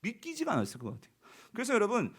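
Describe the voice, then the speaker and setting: A man's voice: high-pitched, wildly swooping pitch, very fast, breathy edge. A man preaching a sermon as pastor, emphatic and questioning the congregation, acting out quoted dialogue with drama.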